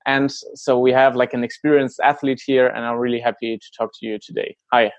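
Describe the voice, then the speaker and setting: A man's voice: mid-range voice, steady tone, fairly quick. A man hosting a casual interview, putting questions to his guest in a conversational way. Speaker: interviewer, host. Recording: roomy, slightly muffled lo-fi sound.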